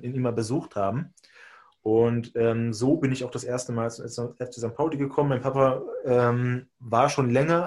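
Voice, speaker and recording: A man's voice: mid-range voice, a little mellow. A man from Hungary, a native Hungarian speaker, co-hosting a podcast and telling a long personal story in a rambling, self-correcting way. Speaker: podcast co-host. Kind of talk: casual chat, personal storytelling.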